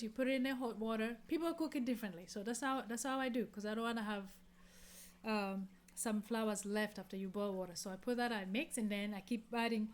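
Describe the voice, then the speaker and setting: A middle-aged woman from Tanzania hosts her own podcast and tells a story to camera. She talks in a loose, chatty way, full of fillers and restarts. Her voice sits a little high. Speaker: podcast host.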